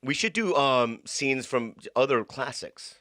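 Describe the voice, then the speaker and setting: A man who is a comedian and podcast co-host, excitable, giggly and defensive in casual comedic chat. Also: medium pitch, measured pace, no room sound, studio quality.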